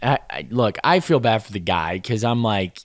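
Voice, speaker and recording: A man's voice: fairly low pitch, expressive, moderate pace, no echo. A man co-hosting a craft podcast, chatting casually, joking and using loose slang. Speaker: podcast co-host. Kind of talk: casual chat.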